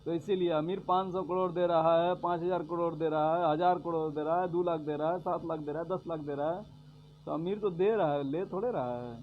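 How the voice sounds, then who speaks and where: A man giving a sarcastic political rant, repeating his points and swinging between loud jabs and low mutters. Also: steady tone, brisk. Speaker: vlogger giving political commentary. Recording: dull lo-fi audio with faint hum.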